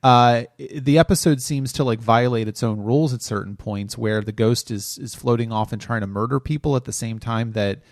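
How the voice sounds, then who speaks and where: Male podcast co-host, animated critical chatter, stumbling restarts, dry close sound. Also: mid-range voice, brisk, hardly any pauses, no echo. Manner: animated, repeats words when restarting. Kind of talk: casual critical chat.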